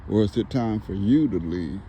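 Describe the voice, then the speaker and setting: A man's voice: lowish voice, animated, normal speed, warm tone, highs cut off, a little hiss or hum. A man speaking casually as a paranormal investigator, putting questions to spirits and commenting to the camera outdoors. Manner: repeats the answers back as questions. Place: outdoors near woods.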